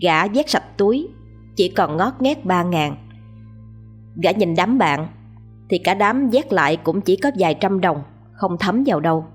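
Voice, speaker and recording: A woman narrating a written story in a calm, even manner. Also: lowish voice, a little slow, slightly rough, soft background music.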